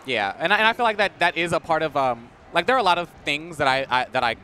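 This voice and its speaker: A man's voice: on the high side, animated, fast, sharp tone, a little hiss or hum. A young man casually commentating a video game match, explaining his views thoughtfully. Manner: thoughtful, explaining, easy laughter. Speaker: esports commentator.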